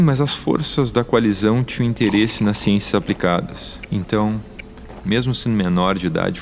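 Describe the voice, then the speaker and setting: In an audio drama, an actor plays a male scientist with a mechanical arm who recounts his wartime past in formal, deliberate, wordy speech. His voice is lowish and natural, with a slight hiss or hum in the recording.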